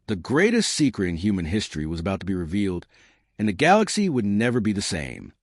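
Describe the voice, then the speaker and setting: A man narrating a sci-fi story in a steady, dramatic storytelling manner. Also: lowish voice, fast talker, dry recording, studio quality.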